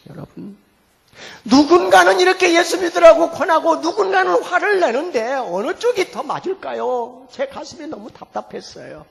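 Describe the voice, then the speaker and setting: A middle-aged man preaching as a pastor, telling a family story in a lively sermon that swings from hushed to loud. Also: very high voice, moderate pace, creaky. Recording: long hall reverb, faint music behind.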